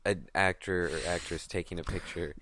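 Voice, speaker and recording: A man's voice: low-pitched, fairly even intonation, normal speed, a bit bright, a little hiss or hum. A man co-hosting a casual podcast, bantering and swearing as he jokes around. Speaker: podcast co-host.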